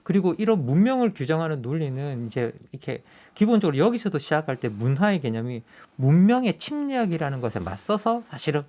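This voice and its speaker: A man's voice: a little high, sing-song, fairly quick, few pauses, dark tone. A man who is a guest commentator in a radio studio, explaining ideas expressively and with emphasis. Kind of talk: radio current-affairs discussion.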